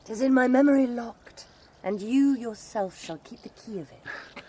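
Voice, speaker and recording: A woman's voice: fairly high pitch, unhurried, darkish tone, a little hiss or hum, lightly acted. Woman acting a dutiful young noblewoman. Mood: meek, uncertain. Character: dutiful, modest young noblewoman, gently spirited. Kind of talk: Shakespearean stage acting.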